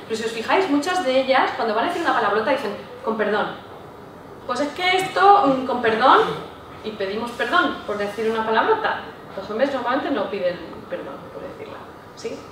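A woman giving a public talk to a live audience, often checking in with her listeners with a quick "¿sí?". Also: fairly high pitch, animated, a bit bright, slight background noise. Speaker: lecturer. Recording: echoey room, voice from far off.

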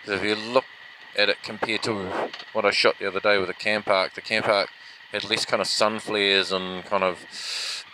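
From inside his helmet on a moving motorbike, a motovlogger rambles casually and self-deprecatingly while reviewing action cameras. His fairly low voice holds a moderate pace with little pitch movement. Wind and vehicle noise fill the helmet mic, which has a foam fluffy.

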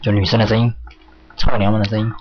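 A man's voice: lowish voice, flat delivery, quick pace. A young man streaming a horror game, jumping, yelping and cursing at the game as he plays. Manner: jumpy, yelps and curses at the game. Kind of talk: horror game let's play commentary. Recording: slightly dull lo-fi home mic with faint hiss.

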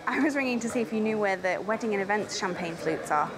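A young railway events organiser with an English accent talks fast and expressively in a medium-pitched voice, chatting upbeat and laughing easily. She's setting up an event on an outdoor railway station platform, casually talking on location amid crowd noise.

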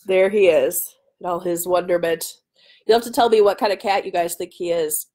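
In her home dining room, a woman in her thirties, an author, hosts a live chat answering viewer questions, talking chattily and breaking off into tangents. Her fairly low voice is warm and steady at a normal speed, captured by a webcam at arm's length.

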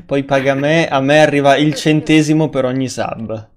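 A man's voice: mid-range voice, steady tone, moderate pace. A man streaming a game, chatting casually, laughing often and swearing when surprised. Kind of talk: casual gaming stream chat.

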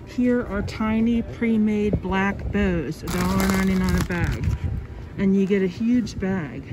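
A woman's voice: medium pitch, measured pace. A woman giving a casual, chatty vlog tour of a store, her voice muffled by a face mask as she walks around filming. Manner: chatty, apologetic, speaking while walking around filming. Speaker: shopper hosting a store tour video. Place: inside a large store. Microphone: handheld phone camera. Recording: noisy store ambience, phone recording.

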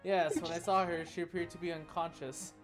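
A woman voicing a polite, hesitant young male lawyer from a game, in a measured manner. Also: fairly low pitch, steady tone, music in the background, lightly acted. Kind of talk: amateur voiced read-through of a game.

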